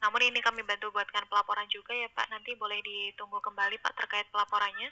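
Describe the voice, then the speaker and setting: Woman, polite scripted customer service voice, quick delivery, lo-fi telephone sound. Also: mid-range voice, level tone, bright, forceful tone. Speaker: bank call centre customer service agent. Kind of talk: formal customer service phone talk. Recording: muffled lo-fi telephone line.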